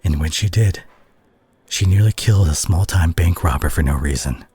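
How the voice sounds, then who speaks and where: In a dramatic audio roleplay, a man plays a concerned superhero confronting a reckless friend. His deep, mellow voice is husky and breathy, and he speaks earnestly and haltingly in a somber, pained mood.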